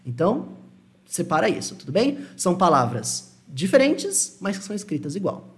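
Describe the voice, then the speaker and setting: A man with a Brazilian Portuguese accent teaching an English lesson, explaining patiently and slowing down to model English phrases. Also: high-pitched, sing-song. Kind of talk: online language lesson.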